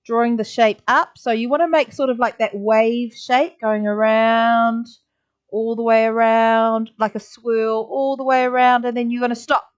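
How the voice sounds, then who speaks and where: A woman's voice: a little high, smooth. A woman teaching a live online drawing lesson, chatty and encouraging, making little sound effects as she draws. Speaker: art teacher. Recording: slightly dull lo-fi audio.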